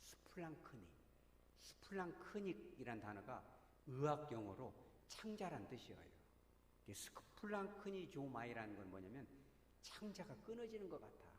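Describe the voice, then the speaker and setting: A man's voice: mid-range voice, sing-song, normal speed, a little hiss or hum. A man preaching a sermon as pastor, talking emphatically and drawing his congregation in with frequent rhetorical questions. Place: church sanctuary. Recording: echoey church hall with long reverb.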